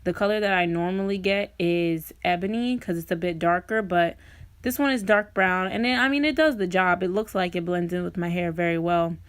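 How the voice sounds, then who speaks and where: A woman's voice: lowish voice, a little fast, clean tone. A woman talking informally and directly to viewers in a casual, chatty makeup tutorial voice-over. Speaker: beauty vlogger.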